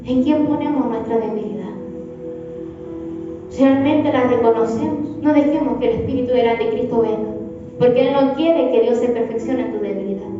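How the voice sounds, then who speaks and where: A woman pastor, preaching a sermon with fervent, drawn-out emphasis. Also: a little high, over music. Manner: preaching with rising fervor, drawn-out emphatic phrases. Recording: echoey hall from far off, dull sound.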